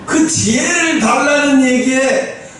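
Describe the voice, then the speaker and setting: A Korean pastor with a high voice delivers an animated sermon, breaking into acted dialogue as he tells the story. He sounds distant from the mic, and the church hall echoes heavily around him with faint background noise. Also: takes it slowly. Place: church sanctuary.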